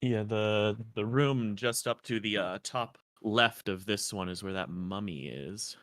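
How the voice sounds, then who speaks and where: Lowish-voiced man in casual game chat. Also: unhurried, fairly bright tone, no room sound, clean studio sound. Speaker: tabletop game player.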